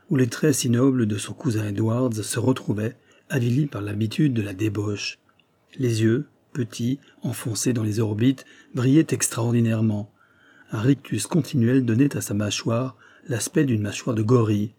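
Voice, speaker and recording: A man reads a novel aloud as an audiobook, measured and dramatic in his pacing. His voice is dark and mellow, with a husky edge, at a middling pitch. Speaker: audiobook narrator.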